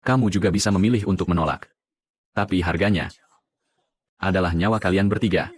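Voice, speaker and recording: A man plays a proud young martial artist who talks down to his enemies in a cold, threatening tone. His voice sits fairly low. The drama is dubbed. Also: a little fast. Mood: menacing. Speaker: voice actor dubbing a martial arts drama. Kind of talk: Indonesian dub of a Chinese drama.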